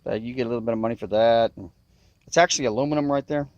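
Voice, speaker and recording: A man's voice: mid-range voice, rapid-fire, dry recording, muffled recording. A man with a Southern US accent and a nasal twang, chatting in a folksy drawl to the camera outdoors. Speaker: outdoor video maker. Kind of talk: casual chat to camera. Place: outdoors in river bottoms.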